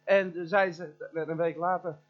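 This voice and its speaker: Middle-aged male preacher, animated storyteller who addresses the congregation and mimics sounds, dull lo-fi church recording. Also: a little high, takes it slowly. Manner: imitates sounds and voices in his story. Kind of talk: storytelling sermon.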